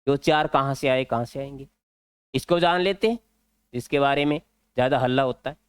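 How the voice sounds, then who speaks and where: A man with a Rajasthani Hindi accent teaching an exam-prep grammar lesson, explaining slowly and repeating key words. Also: medium pitch, clear, resonant tone, dry recording.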